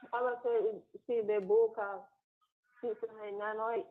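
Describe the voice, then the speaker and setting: A woman chatting fast and slangy on a recorded payphone call from jail. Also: medium pitch, fairly even intonation, narrow, tinny audio. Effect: payphone call line. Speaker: caller on a jail phone call. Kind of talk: casual phone chat.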